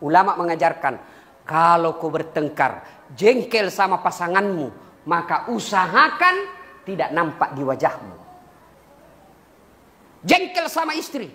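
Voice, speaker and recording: A man preaching a humorous sermon to a congregation, lively and joking, sometimes breaking into a few lines of song. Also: on the high side, measured pace, long pauses. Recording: echoey hall with faint ambience.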